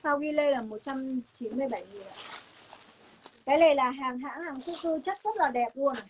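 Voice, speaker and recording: Poor phone audio with clear background noise captures a young woman briskly selling clothes on a livestream, indoors among stacks of stock. Her high voice carries a Northern Vietnamese accent. She talks casually to viewers yet pushes hard, saying things again and again and promising emphatically.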